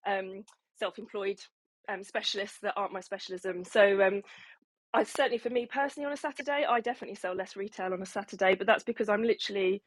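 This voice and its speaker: A woman's voice: medium pitch, fast, no echo. A woman, a salon owner chatting casually, slightly out of breath, with many ums and restarts. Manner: rambling, lots of ums and restarts. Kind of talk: casual chat on an audio room.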